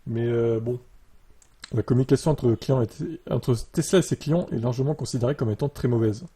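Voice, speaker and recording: A man's voice: mid-range voice, fairly quick, husky. A man chatting casually on camera, reading bits of an article and reacting to them with lots of fillers, recorded on a USB desktop microphone that makes his voice sound muffled. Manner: relaxed, many fillers, reads article lines then reacts. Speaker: YouTuber commenting on electric cars. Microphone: USB desktop mic. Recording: dark muffled mic sound.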